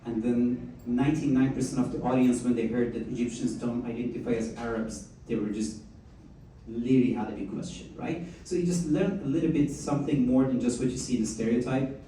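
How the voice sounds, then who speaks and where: Speaking a little fast in a mid-range voice, this event host keeps things casual and lively at a live meetup, urging the audience to take part. The event room sounds echoey, picked up from far away with faint noise.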